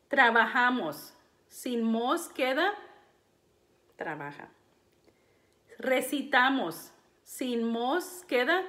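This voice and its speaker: A woman teacher leads a phonics drill for young children. Her voice sits somewhat high and she speaks slowly, stretching each word into clear syllables for the class to repeat. She clears her throat now and then between instructions. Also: a bit bright. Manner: slow, deliberate, syllable-by-syllable delivery.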